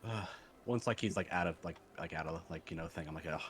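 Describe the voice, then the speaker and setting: A man's voice: low-pitched, fast. A man chatting casually as a player in a tabletop role-playing game, rambling and hedging as he goes. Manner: rambling, hedging, heavy use of "like". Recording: faint background noise.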